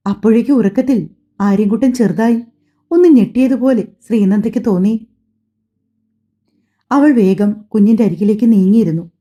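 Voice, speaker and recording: Woman, audiobook narrator, calm emotive storytelling, higher pitch, mellow tone. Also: moderate pace, long pauses. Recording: slightly dull lo-fi audio.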